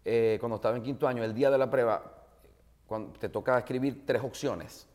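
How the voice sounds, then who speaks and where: A man in his forties with a Maracaibo Venezuelan Spanish accent tells stories in a relaxed interview. His pitch sits in the middle for a man. He rambles a little, uses lots of fillers and keeps slipping in jokes. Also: brisk. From Zulia, Venezuela. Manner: animated, jokey anecdotes with many fillers. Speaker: interview guest, broadcaster. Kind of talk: casual storytelling interview.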